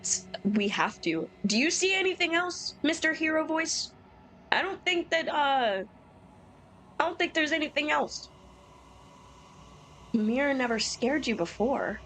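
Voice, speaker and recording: A woman's voice: high-pitched, expressive, a little slow, pauses often, fairly bright tone, a little hiss or hum. A woman streaming a game with playful, casual commentary, reacting aloud and reading text as she goes.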